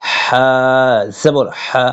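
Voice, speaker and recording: A man teaching Quran recitation, spelling out letters with slow, drawn-out, emphatic syllables and patient repetition. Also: fairly bright tone. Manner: patient, repetitive explaining with frequent pauses. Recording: slightly dull lo-fi audio.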